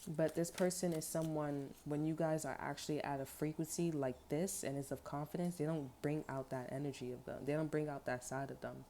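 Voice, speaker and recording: A woman's voice: deep voice, fairly even intonation, brisk, few pauses, warm tone, a little hiss or hum. A woman giving a casual tarot reading, rambling and peppering her talk with okay and like. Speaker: tarot reader.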